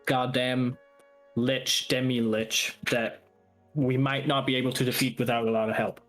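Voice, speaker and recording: A man's voice: mid-range voice, level tone, moderate pace, a bit bright, soft background music. A man talking casually as a player in a tabletop role-playing game.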